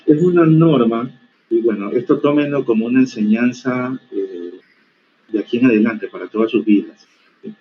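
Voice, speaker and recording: A stern man lecturing medical students over a video call, his voice sitting on the low side. He corrects his class firmly and plainly. The call audio is dull and lo-fi, with faint noise behind him. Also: normal speed. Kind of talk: online university lecture.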